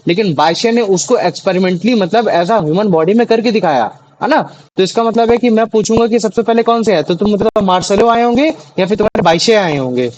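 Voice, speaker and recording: A man's voice: high voice, a little fast, darkish tone, slight background noise, poor audio. A young man tutoring students in a class, explaining patiently with many fillers and restarts. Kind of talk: online class teaching in Hindi.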